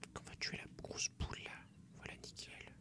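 A young man whispering ASMR game commentary softly and close, right in the listener's ear. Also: fast talker. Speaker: game streamer. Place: small room at home, indoors.

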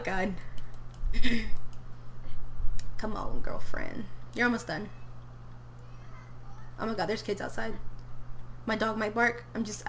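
A woman's voice: on the high side, pushed and bright. A young woman from Tennessee, casually chatting and giggling while streaming a game, talking to her character and her chat. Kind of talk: casual live-stream commentary. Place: home room.

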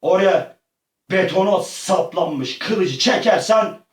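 A man acting out a comic make-believe adventure, excitable and slangy, often yelping and crying out. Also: sits high, slow. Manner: excitable, yelps and cries out often; slangy, rough-edged street talk. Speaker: vlogger. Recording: echoey room, far from the mic.

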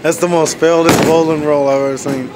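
A man's voice: a little high, flat delivery, heavy background noise. A young man chatting and mocking his friend at a bowling alley, a little off the mic. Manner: slow, laughing, mocking. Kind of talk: casual chat.

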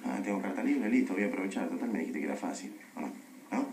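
Deep-voiced wisecracking Argentine cop. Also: male voice, animated, quick pace, a little mellow, roomy sound, a little hiss or hum. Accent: Argentine Rioplatense Spanish.

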